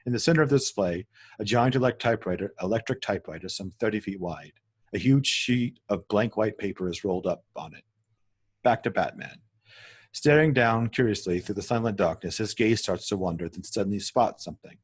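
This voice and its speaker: A man narrates a screenplay at a table read, reading the scene headings and action as written. His fairly low, husky voice moves briskly, and he stumbles and corrects himself along the way.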